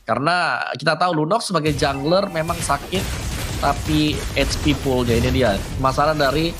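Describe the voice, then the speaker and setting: A man's voice: on the high side, moderate pace, over music. A man with an Indonesian accent giving analytical commentary on an esports match. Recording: clear background noise with clicks.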